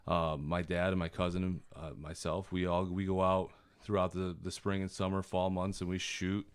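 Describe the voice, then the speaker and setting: A man, a podcast guest telling relaxed stories and laughing often in a casual chat. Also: deep voice, moderate pace, smooth, no echo.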